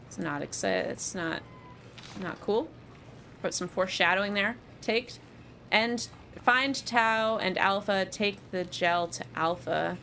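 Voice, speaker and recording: A streamer in her twenties plays a game at home while chatting casually with her chat. Her voice is mid-range, slow and fairly bright, with vocal fry and slight background noise. She's chatty and self-deprecating, using lots of fillers.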